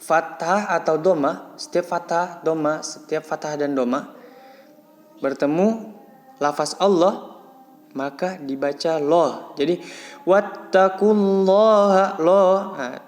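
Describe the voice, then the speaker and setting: A man teaching Quran recitation rules patiently, breaking off to chant Arabic words slowly and louder. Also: on the high side, in a large hall. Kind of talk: tajwid lesson, explaining then chanting words.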